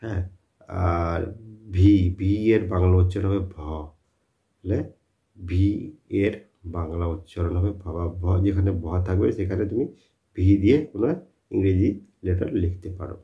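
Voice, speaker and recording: A man with a low voice teaches a spoken lesson, putting questions to his students and answering them himself. He repeats each point patiently. The recording sounds dull and lo-fi. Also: steady tone, moderate pace, long pauses. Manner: repetitive, asks and answers own questions. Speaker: English teacher.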